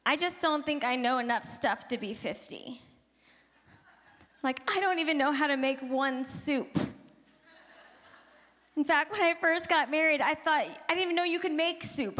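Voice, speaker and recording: A woman in her forties with a high voice performs stand-up comedy, unhurried and chatty, often laughing at her own jokes. Her voice rings through a large hall with a long echo trailing each line. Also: a bit bright. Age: 40s. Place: women's conference hall. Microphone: handheld microphone. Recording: reverberant hall sound.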